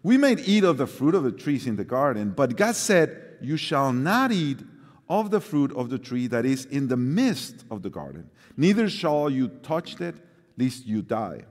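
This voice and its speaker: Speaking unhurriedly in a mid-range voice, a Mexican-accented guest preacher brings energy to a scripture reading before turning to the congregation, hesitating with occasional fillers. Long reverb fills the big sanctuary.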